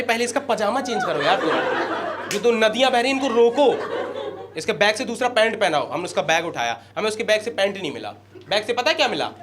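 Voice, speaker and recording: A young man performing stand-up comedy on stage, telling a story in an animated way and acting out characters in quick asides. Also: high voice, background noise. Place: comedy stage before a live audience. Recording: live stage mic with loud audience laughter.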